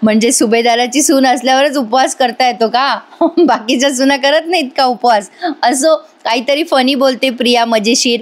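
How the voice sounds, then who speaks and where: A woman's voice: high voice, moderate pace. A woman giving a chatty voice-over recap of a TV serial episode, talking straight to her viewers. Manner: chatty, addresses viewers directly. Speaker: TV serial reviewer.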